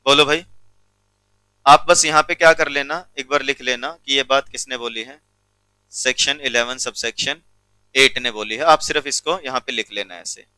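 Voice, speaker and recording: A man's voice: mid-range voice, moderate pace, pushed and bright, smooth, dry recording, poor audio. A male teacher giving a classroom law lecture, keeps checking whether students follow and teases them sternly.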